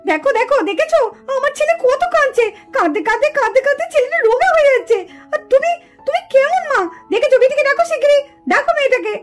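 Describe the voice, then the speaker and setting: A woman doing a shrill scolding village mother. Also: expressive, fast. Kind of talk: doll puppet show voicing.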